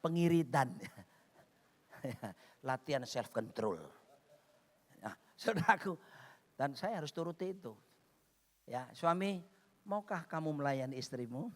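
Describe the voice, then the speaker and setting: A middle-aged male pastor preaching with a high, bright voice that swings widely in pitch. He tells stories with humor and keeps calling out to the congregation. His voice rings with a long reverb from a large church hall. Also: a little slow, long pauses. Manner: lively storytelling, addressing the congregation as "saudaraku". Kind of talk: sermon.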